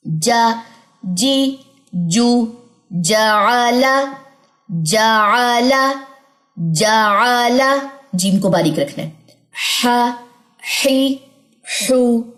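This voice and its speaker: Young woman teaching tajweed off slides, keeps asking if it's clear, stretches out the example words. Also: mid-range voice. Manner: checks understanding often, drawls example words slowly. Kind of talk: slide-based online lesson.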